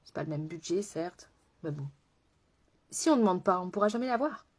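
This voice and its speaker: A woman's voice: on the low side, lively intonation, moderate pace. A woman makeup artist chatting casually on a live stream, laughing often and answering viewers by name as she works. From France.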